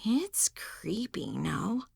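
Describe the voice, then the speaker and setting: A sarcastic dead teenage girl, lifted high and teasing, as a woman narrator puts her on. She needles and mocks in a bright, bouncy tone. The audiobook recording is close and dry. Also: animated, a little slow, gravelly, no room sound, exaggerated voice. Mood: hushed.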